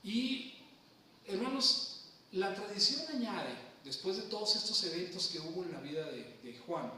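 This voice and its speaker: A man's voice: high-pitched, lively intonation, unhurried, sharp tone, a little hiss or hum. A man preaching a sermon, teaching scripture and asking his congregation questions as he goes. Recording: echoey room, from far off.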